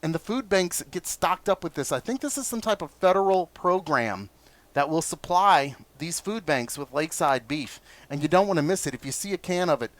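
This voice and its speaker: A man's voice: on the high side, lively intonation, moderate pace, dry recording. A man hosting a casual food review vlog, chatty and enthusiastic, often asking viewers questions.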